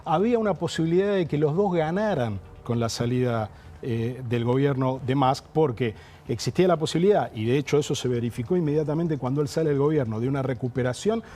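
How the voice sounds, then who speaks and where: Appearing as a guest in a TV interview, a man with an Argentine Spanish accent offers political analysis, explaining things in a measured, formal way. His mid-range voice sounds expressive and mellow.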